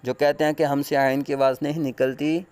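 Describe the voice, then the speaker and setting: Male Quran recitation teacher, Pakistani Urdu accent, very smooth resonant tone, slow spelled-out drills with fast asides. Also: level tone. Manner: spells letters slowly and loudly, then explains in a rapid low voice.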